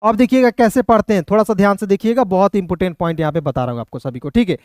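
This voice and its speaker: ऊँची, साफ़ आवाज़ वाला हिंदी लहजे का पुरुष शिक्षक. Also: male voice, sits high, a little mellow, no echo, studio quality. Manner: repetitive, addresses viewers as friends, spells out letters slowly. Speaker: English pronunciation teacher. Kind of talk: online video lesson.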